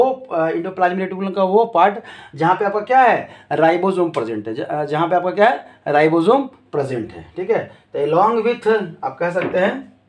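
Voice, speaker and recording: A male teacher lecturing a class, who asks questions and then answers them himself, going back over each key term several times. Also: high voice. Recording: echoey room.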